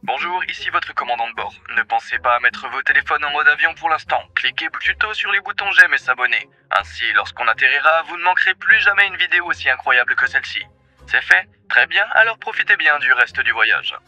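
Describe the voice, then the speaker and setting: A man's voice: on the high side, expressive, brisk, sharp tone, dry recording, soft background music, poor audio. A man playing an airline captain on the intercom. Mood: upbeat. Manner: formal, announcer-like address to passengers. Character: male airline captain making a cabin announcement. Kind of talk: comic aside in a narrated list video.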